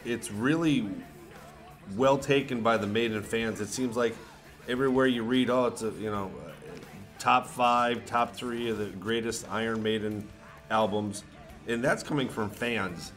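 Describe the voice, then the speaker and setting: A man co-hosting a casual podcast chat, speaking in a measured, slightly halting way. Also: mid-range voice, steady tone, fairly bright tone, faint music behind. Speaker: podcast co-host.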